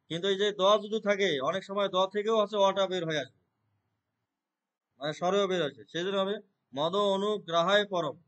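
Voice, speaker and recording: A man with a fairly high voice gives an online lesson on Sanskrit verse pronunciation. He explains patiently, one step at a time, and keeps asking whether the student is following. He recites each verse slowly and deliberately. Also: fairly bright tone. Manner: explains step by step, often checks with "right?". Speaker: Gita teacher. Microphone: online call.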